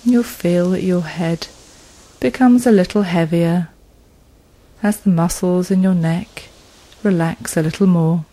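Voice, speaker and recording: A woman guides a progressive muscle relaxation session. Her voice sits low and mellow, and she speaks very slowly and soothingly, letting long pauses fall between phrases. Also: rough recording.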